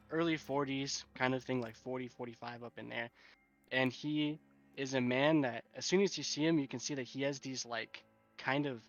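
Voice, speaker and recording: A man playing a tabletop game, describing his character in a halting, rambling way full of fillers. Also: mid-range voice, a bit bright. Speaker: player. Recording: dull lo-fi mic.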